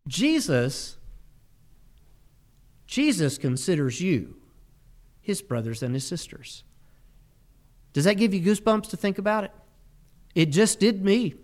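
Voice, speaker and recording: A middle-aged man preaching with a high, lively voice that swings widely in pitch. He tells stories with animation and leans on repetition to drive home his points. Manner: animated storytelling, emphatic repetition. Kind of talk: sermon.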